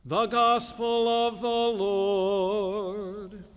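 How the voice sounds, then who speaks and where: A man chanting the gospel reading at Mass in a smooth, even tone, heard in a large church with a cathedral echo. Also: high-pitched, very slow. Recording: long cathedral reverb, faint music.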